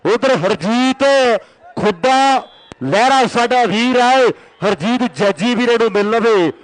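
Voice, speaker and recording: A man giving excited, urgent rural sports commentary on kabaddi, repeating his calls and announcements. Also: very high-pitched, a little slow, low-quality recording. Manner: excited, urgent, repetitive calling of play and announcements.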